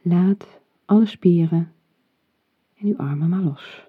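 Breathy, very slow relaxation guide, phone-like sound. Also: medium pitch. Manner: calm, soothing, measured instruction. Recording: muffled phone-like audio, roomy echo.

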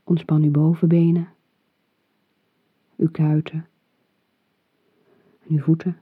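Breathy, very slow relaxation guide, phone-like sound. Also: mid-range voice. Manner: calm, soothing, measured instruction. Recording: muffled phone-like audio, roomy echo.

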